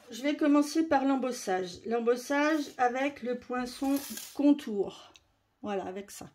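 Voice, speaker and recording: A woman's voice: fairly high pitch, darkish tone, slight background noise. A woman demonstrating a crafting tutorial, chatty and explaining as she works. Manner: chatty, explaining while working.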